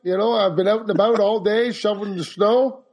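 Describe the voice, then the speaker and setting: A man's voice: sits high, fairly even intonation, a little fast, a little mellow. A man doing an exaggerated Canadian accent as a folksy, joking hoser who says "eh" and "bud". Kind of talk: comic bit on a podcast.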